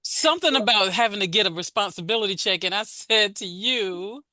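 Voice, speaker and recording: Bright encouraging male interviewer. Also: sits high, expressive, a little fast, no echo. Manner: encouraging, mentor-like. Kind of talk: conversational interview.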